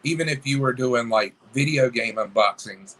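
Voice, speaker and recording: A man's voice: mid-range voice, moderate pace, fairly bright tone. Man casually asking interview questions. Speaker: co-host interviewer.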